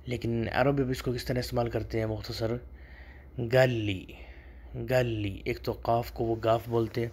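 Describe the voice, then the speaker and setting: In a video lesson on spoken Arabic dialect, a man with a medium-pitched, slightly mellow voice and little pitch movement explains phrases patiently. He repeats each one slowly and with emphasis.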